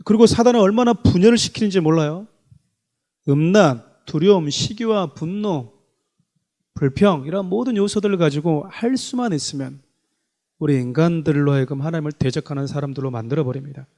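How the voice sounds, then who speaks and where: A pastor delivers an emphatic sermon, peppering the congregation with rhetorical questions. His voice sits on the high side, moves fairly quickly, and has a warm tone.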